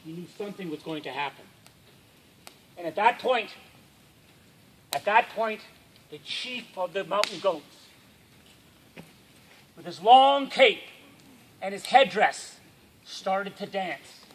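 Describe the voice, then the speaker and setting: A man telling a campfire story at a camp, dramatic and swinging from hushed to loud. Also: high voice, animated, takes it slowly, pauses often, slight background noise, low-quality recording.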